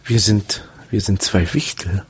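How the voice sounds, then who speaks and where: A man's voice: on the low side, a little slow, highs cut off, slight background noise. A man talking through a voice morphing filter, joking around in a casual podcast chat. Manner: jokey, joshing banter.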